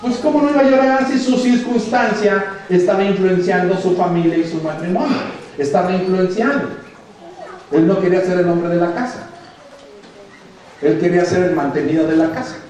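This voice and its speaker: A man with a Mexican accent, preaching a sermon as pastor, speaking emphatically and acting out dialogue. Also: sits high. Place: church hall. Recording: echoey church sound from far off.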